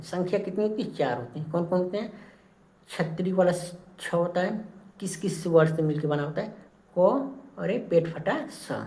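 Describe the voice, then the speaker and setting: A man's voice: on the high side, a little mellow. A man teaching an exam-prep lesson, explaining step by step and repeating key points with frequent check-ins. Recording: roomy echo.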